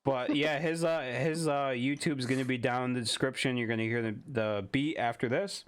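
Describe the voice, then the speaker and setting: A man's voice: medium pitch, steady tone, moderate pace, smooth. Goofy, swearing young male podcast host. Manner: goofy, swears a lot, laughs often. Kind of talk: casual podcast chat.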